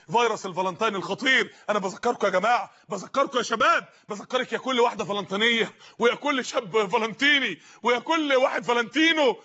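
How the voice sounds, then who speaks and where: Fervent high-voiced Egyptian preacher. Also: male voice, muffled recording. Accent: Egyptian Arabic. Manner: fervent, often shouting, pleading with the audience. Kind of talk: impassioned sermon.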